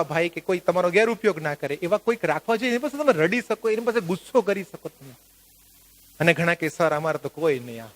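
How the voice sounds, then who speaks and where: A man leading a workshop, lecturing a live audience in an animated, joking way and putting questions to the listeners. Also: high-pitched. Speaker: workshop trainer. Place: workshop at a religious venue.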